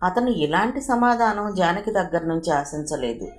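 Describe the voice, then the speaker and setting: A woman narrating a novel in a measured storytelling manner. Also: fairly low pitch, expressive. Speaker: audiobook narrator. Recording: roomy echo, faint hiss.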